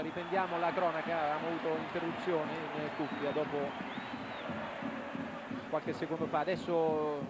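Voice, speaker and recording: A man giving live play-by-play football commentary as a match commentator. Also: fairly high pitch. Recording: loud outdoor stadium noise. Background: loud outdoor stadium ambience.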